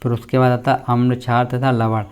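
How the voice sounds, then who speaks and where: A male teacher walks students through a syllabus in a plain, explaining tone. His voice is smooth and clear, his pitch stays level, and he keeps pausing to check in with his listeners. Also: little pitch movement, darkish tone. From India.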